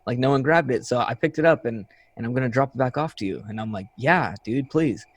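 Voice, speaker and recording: A man's voice: medium pitch, quick pace, no room sound. A man in his thirties hosting a podcast, telling a rambling story in casual chat and acting out the people he quotes. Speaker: podcast host.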